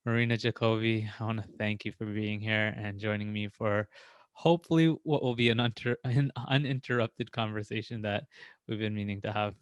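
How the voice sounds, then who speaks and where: Smooth-voiced male podcast host, dry sound. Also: fairly low pitch, fairly even intonation, fairly quick, no echo. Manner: earnest, rambling questions with restarts. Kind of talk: interview host questions.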